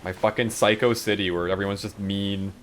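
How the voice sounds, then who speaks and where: A man's voice: lowish voice, fairly even intonation, brisk, a bit bright, slight background noise. A young man streaming a video game, chatting casually in a rambling, profane way and chuckling often. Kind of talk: casual chat while playing a game live.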